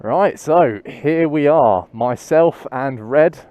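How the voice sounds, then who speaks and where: A man giving chatty, excitable commentary while riding a motorcycle, through a helmet-mounted mic. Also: on the high side, slow, muffled recording. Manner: chatty, excitable, many restarts and laughs. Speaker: motorcycle vlogger. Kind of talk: casual moto-vlog commentary while riding. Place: outdoors on a motorcycle in traffic. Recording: faint road and traffic noise.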